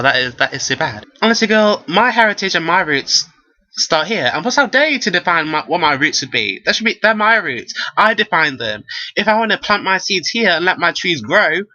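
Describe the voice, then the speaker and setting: Give me a sassy young man vlogging at home, with a sharp, bright, slightly high voice. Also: lo-fi sound. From England. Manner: animated and sassy, often says "girl". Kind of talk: casual ranting to camera.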